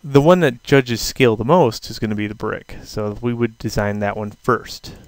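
A man teaching a software tutorial over a screen recording, talking casually and thinking aloud with fillers. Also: on the low side, normal speed, no room sound. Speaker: instructor.

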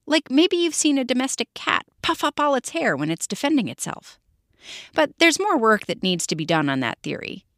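A woman hosts a science podcast for children, reading her script clearly and expressively. Her pitch moves a lot, and the sound is dry with no room echo. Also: sing-song, normal speed, fairly bright tone. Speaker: podcast host. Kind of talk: scripted narration.

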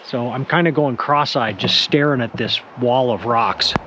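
A wildlife photographer chatting casually in a vlog, relaxed and self-deprecating, out in a rocky field at dusk. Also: male voice, mid-range voice, moderate pace.

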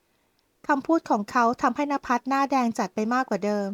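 A woman reads a romance novel aloud in a calm, even storytelling manner. Her voice sits a little high. The recording is dry and close to the mic. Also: fast, no room sound. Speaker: audiobook narrator.

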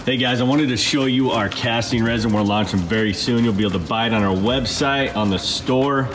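A man's voice: mid-range voice, a little fast, over music. A man hosting a casual vlog, walking through a warehouse and chatting with coworkers in an upbeat, chatty way. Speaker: vlog host giving a warehouse tour. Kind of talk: casual walk-and-talk vlog. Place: large indoor warehouse. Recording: echoey warehouse room sound.

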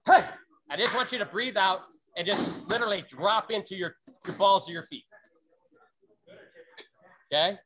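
A man coaching a virtual sword-fighting practice on a video call, explaining and demonstrating with sharp bursts of breath. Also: high-pitched, moderate pace, pauses often, background noise.

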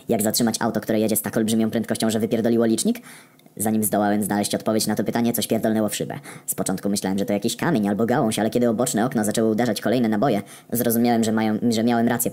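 Fast, dark-voiced deadpan male storyteller. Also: fairly low pitch. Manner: deadpan, wry storytelling with frequent swearing. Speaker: narrator. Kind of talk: comedic story narration.

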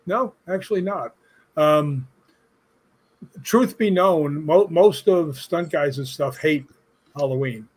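A man's voice: on the high side, slow, pauses often, husky. An older man, a guest on a video call, telling joking stories with chuckles. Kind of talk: casual video-call interview.

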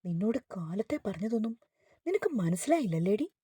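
A woman's voice: mid-range voice, sing-song, brisk, warm tone, husky, dry recording. A woman voicing an angry, arrogant young male boss who scolds with contempt.

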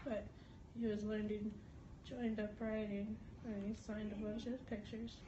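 A woman's voice: medium pitch, level tone, a little slow, warm tone. Groggy young woman, mouth stuffed with gauze. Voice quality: muffled speech from gauze-packed mouth. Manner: groggy, loopy from anesthesia, rambling. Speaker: patient recovering from wisdom teeth removal. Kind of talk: casual rambling chat. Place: small bedroom, indoors. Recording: muffled phone video with noticeable noise.

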